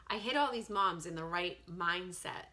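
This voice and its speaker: A woman in her thirties who works from home, chatting to camera in an animated, storytelling way. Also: on the low side, moderate pace. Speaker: direct sales consultant. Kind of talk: casual talk to camera.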